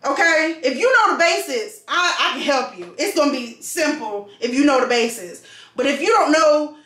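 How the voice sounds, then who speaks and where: Woman, high-pitched, casual emphatic venting, recorded in an echoey room. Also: expressive, moderate pace, fairly bright tone. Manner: emphatic, repeats phrases for stress. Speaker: vlogger and call center customer service worker.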